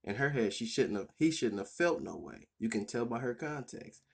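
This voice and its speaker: A man's voice: medium pitch, expressive, moderate pace, creaky, breathy edge. A man giving casual reaction commentary on an interview clip, blunt and mocking, with some profanity.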